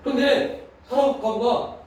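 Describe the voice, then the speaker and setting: Male pastor, sermon delivery, rhetorical questions; high voice, distant mic, faint noise. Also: fairly even intonation, normal speed, a little mellow. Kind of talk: sermon at prayer meeting. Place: church hall. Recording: echoey hall from a distant mic.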